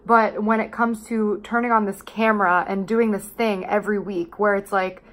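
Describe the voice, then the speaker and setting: A woman's voice: medium pitch, steady tone, moderate pace, a bit bright. A woman of twenty-seven talking candidly and casually to camera as a vlogger, in a confessional, rambling way with plenty of swearing.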